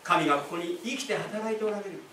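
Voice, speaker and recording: A man with a high-pitched voice gives a sermon, talking to the congregation in a relaxed, explaining way with asides and questions. He stands away from the mic in an echoey church hall, with faint room ambience behind him. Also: brisk, recorded from a distance, background noise. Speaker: pastor.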